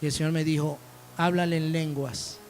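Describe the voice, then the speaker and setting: A man's voice: fairly high pitch, steady tone, normal speed, darkish tone, soft background music. A man preaching a sermon as pastor, telling stories and acting out dialogue. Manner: storytelling preacher, quoting dialogue.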